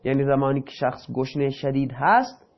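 A man's voice: medium pitch, dull audio. A man teaching a lesson who reads a passage aloud, then explains it in plain, casual speech. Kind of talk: reading and explaining a text.

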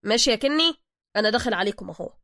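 A woman voicing a brash streetwise male taxi driver with an Egyptian accent, talking loud and fast. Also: a little high, animated, no echo, studio quality.

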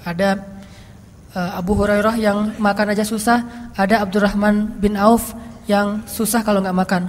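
A woman leads a relaxed religious study session, speaking as a preacher in a chatty, storytelling manner with lively asides. Her voice has a middling pitch. The sound carries a long hall reverb behind it. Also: slight background noise. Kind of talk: casual Islamic study talk.

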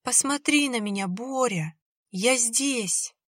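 A woman's voice: fairly high pitch, slow, a bit bright, dry recording, clean studio sound, voice pushed up. A woman voicing a ghostly little girl spirit who coaxes and pleads in a rustling, childlike voice. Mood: pleading. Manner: coaxing, insistently pleading. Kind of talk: audiobook character voice.

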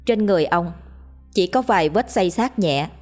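A woman storyteller reading a ghost story in a steady, measured way. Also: lowish voice, faint music behind.

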